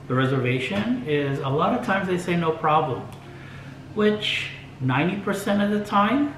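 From a dining room at home, an older RV travel vlogger speaks casually to a camera set across the table, sharing opinionated thoughts on planning an RV road trip at a slow pace and chuckling from time to time. His voice is fairly high. The low-quality recording sounds roomy, with slight background noise.

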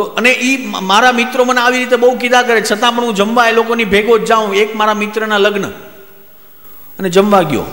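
A man's voice: high voice, roomy sound, in a large hall. A man from Gujarat with a Gujarati accent, telling jokes and stories on stage and acting out his friends' lines. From Gujarat, India. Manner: lively joke telling, voices friends in quotes. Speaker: stand-up comedian. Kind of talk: stage comedy storytelling.

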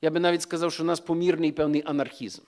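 A man's voice: fairly high pitch, steady tone, racing, a little mellow. Man lecturing with many restarts. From Ukraine. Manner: thinking aloud, frequent fillers and restarts. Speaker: economic sociologist giving an expert talk. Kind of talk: lecture-style presentation.

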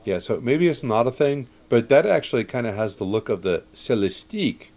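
A man's voice: medium pitch, expressive, normal speed, darkish tone. A man co-hosting a casual news chat show, with dry, teasing remarks. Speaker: podcast co-host.

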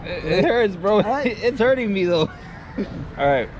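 A man's voice: high voice, lively intonation, slow, highs cut off, a crowd in the background. A man in his thirties from the United States, vlogging casually and joking through a shave on a city street. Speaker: travel vlogger. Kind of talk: casual vlog commentary. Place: outdoor city street stall. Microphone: action camera close by. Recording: loud street traffic behind.

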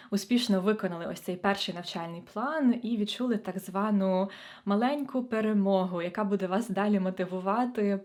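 A woman's voice: medium pitch, darkish tone. A woman tutor giving an online exam-prep lesson, addressing students in a friendly, direct way. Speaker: Ukrainian language tutor.

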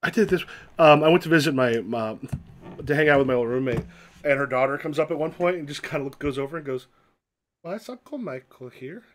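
A man's voice: on the high side, fast talker. Wry man running a tabletop game. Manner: jokey, wry storyteller. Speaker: game master. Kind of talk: improvised tabletop game narration and banter.

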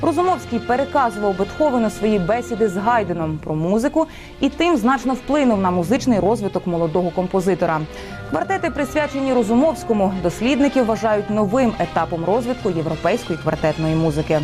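A woman's voice: mid-range voice, expressive, quick pace, music in the background. A woman news anchor reading scripted news in a formal broadcast style.

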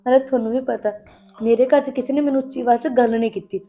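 A woman's voice: on the high side, fairly even intonation, fast, dark tone, lo-fi sound, close to an everyday voice. A woman playing an aggrieved young wife who complains about her sister-in-law. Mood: indignant. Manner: complaining, indignant. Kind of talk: Punjabi family sketch acting.

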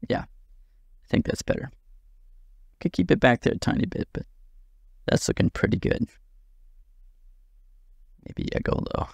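Gravelly man talking through a tutorial. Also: medium pitch, very animated, unhurried, long pauses, no room sound. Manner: chatty, self-deprecating, thinks aloud. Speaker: software tutorial instructor. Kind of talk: casual screen-recorded tutorial.

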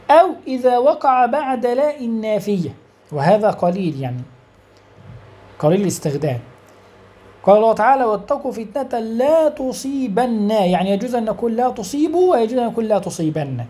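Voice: mid-range voice, warm tone. An Arabic grammar teacher, explaining step by step, asking questions and answering them, and stretching out example words. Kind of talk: explanatory lesson.

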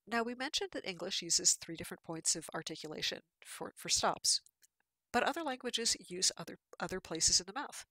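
A woman's voice: medium pitch, animated, normal speed, sharp tone, dry recording. A woman giving a patient, explanatory lecture with slides, with fillers and restarts.

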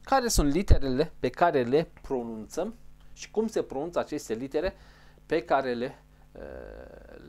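A man's voice: medium pitch, a little mellow. A man teaching a pronunciation lesson, patiently repeating each sound and carefully explaining how it is formed. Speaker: language teacher.

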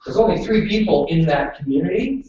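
A man's voice: a little high, lively intonation, a little fast, mellow. Man presenting in an echoey room from afar. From British Columbia, Canada. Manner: chatty, keeps checking in with "okay?". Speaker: workshop presenter. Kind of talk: live classroom presentation. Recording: roomy, distant, dull room recording.

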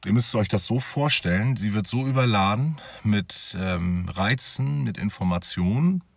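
A man's voice: fairly low pitch, unhurried, vocal fry, husky, no room sound. A man telling his own story as a father in a personal vlog, talking straight to his viewers in a conversational way.

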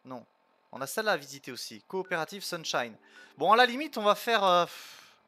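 A man's voice: high voice, sing-song, fairly quick, bright, forceful tone. A man streaming a video game, chatting casually and thinking aloud with lots of fillers and playful jokey asides. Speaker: let's play streamer. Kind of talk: casual gameplay commentary.

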